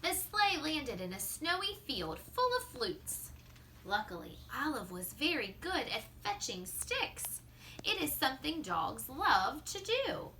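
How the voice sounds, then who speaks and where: Reading a children's story aloud the way a teacher would, a woman speaks expressively in a high, sing-song voice at a slow pace, drawing out words and slipping into hushed asides. There is a little hiss or hum on the recording.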